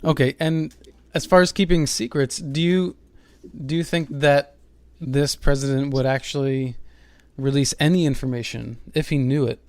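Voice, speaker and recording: A man speaks as the host of a paranormal radio show. His pitch is average and his delivery is conversational, with some hesitation. The sound is very dry. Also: steady tone, normal speed, darkish tone, dry recording.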